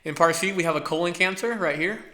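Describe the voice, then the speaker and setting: Young guy w a slushy lisp on his s, bright voice, echoey room, stumbling thru a research talk. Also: fairly high pitch, quick pace, slight background noise. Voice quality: lisp from braces, slushy s sounds. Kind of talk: informal narrated research presentation.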